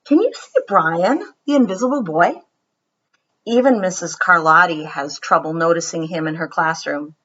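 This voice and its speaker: Female children's read-aloud host, bright and lively with a slightly husky edge, explanatory delivery, slightly dull lo-fi recording. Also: lowish voice, normal speed. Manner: explanatory, addressing young children. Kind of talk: expressive children's picture-book read-aloud.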